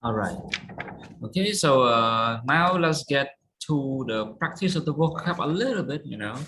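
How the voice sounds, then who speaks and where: A man's voice: medium pitch, animated, a little slow, pushed and bright, slight background noise, low-quality recording. A man teaching an online English lesson, patiently explaining words and checking understanding. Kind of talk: online vocabulary and pronunciation lesson.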